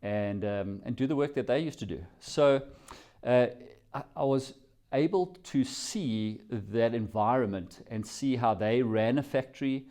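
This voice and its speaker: A man's voice: mid-range voice, unhurried, mellow. A South African man answering interview questions, telling his story in a reflective, rambling way. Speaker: company CEO, guest.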